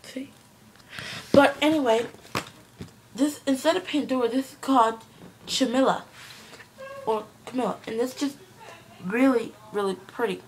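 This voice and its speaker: A woman's voice: fairly high pitch, a little slow, pauses often, rough recording. Chatty girl vlogging from her bedroom. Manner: chatty, rambling with many fillers. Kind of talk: casual show-and-tell vlog. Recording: home video with background noise.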